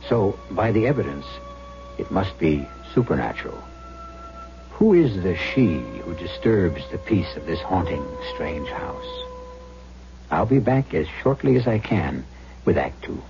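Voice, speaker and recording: A man's voice: low voice, huge pitch swings, a little slow. A man hosting and narrating a radio drama in a dramatic, scripted style. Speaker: host and narrator. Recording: dull old radio broadcast. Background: music.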